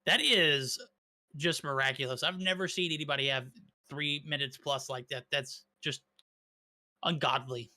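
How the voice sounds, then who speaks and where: A man's voice: medium pitch, fairly even intonation, moderate pace, bright, forceful tone. A man casting an online esports tournament, upbeat and joking, hyping up the match. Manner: upbeat, hype-driven and joking. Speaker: esports caster. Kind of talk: play-by-play commentary.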